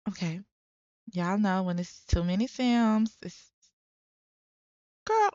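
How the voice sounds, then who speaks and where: A woman's voice: medium pitch, takes it slowly, darkish tone, clear, resonant tone, no echo, highs cut off. A young woman giving casual, chatty gameplay commentary to her viewers, with frequent exclamations. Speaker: let's play creator.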